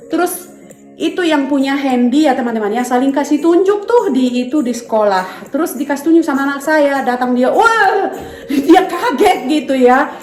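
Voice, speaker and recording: A woman speaks to her viewers in a slightly high voice, telling a family story in a loose, rambling way with lots of fillers. She addresses her audience as friends. The sound bounces around an echoey room. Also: darkish tone. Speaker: vlogger and mother. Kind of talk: casual talk to viewers.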